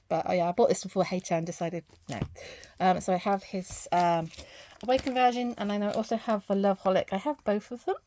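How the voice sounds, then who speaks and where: A woman's voice: mid-range voice, a little mellow. A woman vlogger chatting casually to camera, rambling, with lots of ums and self-corrections. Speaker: vlogger showing her album collection.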